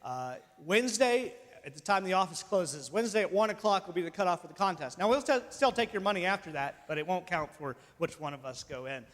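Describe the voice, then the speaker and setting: High-voiced man in an echoey hall. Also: expressive, a little fast, few pauses, a bit bright. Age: 30s. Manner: joking, teasing. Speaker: church speaker hosting announcements. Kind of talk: informal announcements with banter. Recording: echoey hall with long reverb.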